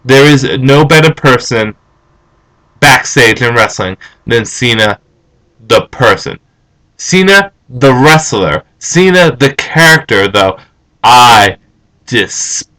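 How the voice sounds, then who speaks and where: Animated young man ranting about wrestling. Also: medium pitch, slow pace, poor audio. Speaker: vlogger. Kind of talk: casual opinion rant.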